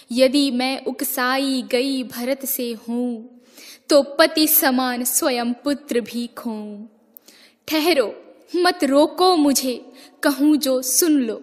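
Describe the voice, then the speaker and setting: A remorseful queen mother pleading before the court, voiced by a woman reciting verse. Her high voice moves slowly and deliberately through each line. A long hall reverb trails every phrase. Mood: impassioned. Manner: impassioned, measured verse recitation.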